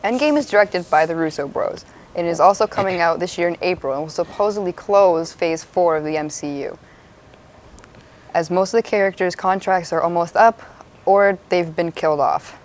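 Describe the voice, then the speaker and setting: A young woman with a slightly low voice anchors a student mock newscast. She reads from a script in news-anchor style. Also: moderate pace.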